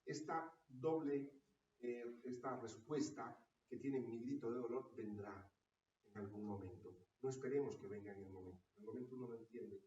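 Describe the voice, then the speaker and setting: A man's voice: mid-range voice, normal speed, dark tone. A man, a parish priest, giving a teaching talk to parishioners and checking in with his listeners through a frequent questioning tag. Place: parish hall or church room. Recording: roomy, distant, dull sound.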